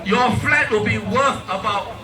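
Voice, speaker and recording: High-pitched Singaporean man addressing an echoey rally. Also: a little slow, recorded from a distance. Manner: colloquial Singlish phrasing with rhetorical questions. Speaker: protest rally speaker and emcee. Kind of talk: impassioned political speech to a crowd. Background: crowd and ambient noise.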